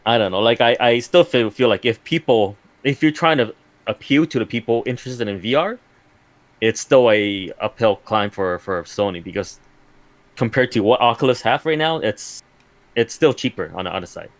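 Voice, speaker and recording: A man co-hosting a gaming podcast in casual chat, measured and skeptical, often repeating words as he starts. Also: medium pitch, expressive, no room sound. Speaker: podcast co-host.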